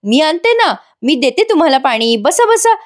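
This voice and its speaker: A woman's voice: high voice, big pitch swings, moderate pace, voice pushed up. A woman voicing an eager, bustling household helper in a retold TV serial scene.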